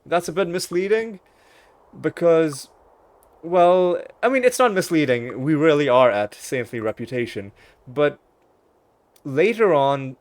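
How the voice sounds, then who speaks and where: A man's voice: a little high, expressive, measured pace, pauses often, no echo. Man with wry, rambling gameplay commentary. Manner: wry, rambling, self-correcting asides. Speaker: let's play host.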